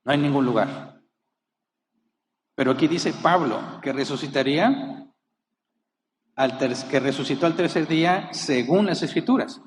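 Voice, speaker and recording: A man's voice: fairly high pitch, a little slow, pauses often, long reverb tail, a little hiss or hum. A man preaching a sermon as a pastor, emphatic, rising and falling, asking rhetorical questions. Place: church.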